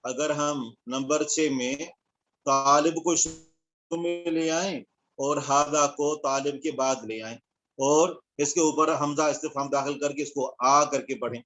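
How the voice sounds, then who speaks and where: Slightly high-voiced man teaching a class. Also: fairly bright tone. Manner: explains step by step, checks with students. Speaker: Arabic grammar teacher. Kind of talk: online class lecture.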